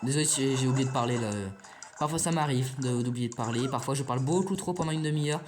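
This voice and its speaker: A man's voice: medium pitch, fast. Chatty man rambling over gameplay. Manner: chatty and rambling, swears casually, talks to viewers. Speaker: let's play host. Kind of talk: casual gameplay commentary.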